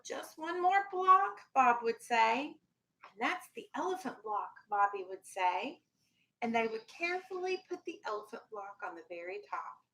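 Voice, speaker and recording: A female elementary school teacher, firm and instructive, reads a children's storybook to her class and talks with them in the classroom. Her voice is on the high side, very animated and sharp, delivered at a measured pace, and the audio is poor.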